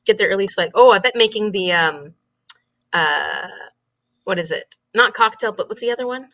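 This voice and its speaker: A woman with a nasal voice hosts a reading livestream, chatting casually with a friend, laughing often and hunting for words. Her voice is medium in pitch, pushed and bright, at a moderate pace. The audio is dull and muffled, with no room sound.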